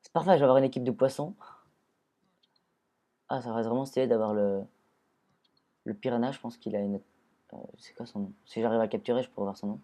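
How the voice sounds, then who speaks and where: A man's voice: mid-range voice, fast talker, long pauses, dark tone. A man giving casual, rambling gameplay commentary, often restarting sentences and talking to the creatures in the game. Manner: rambling, self-correcting, talks to his creatures.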